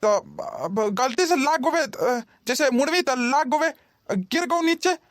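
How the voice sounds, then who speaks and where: A woman's voice: sits high, expressive, unhurried, no room sound, clean studio sound. A woman voicing a stammering cartoon husband with a Bhojpuri accent. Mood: pleading. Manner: coaxing, stammering excuses. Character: aging husband, pleading and wheedling. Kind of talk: cartoon voice acting.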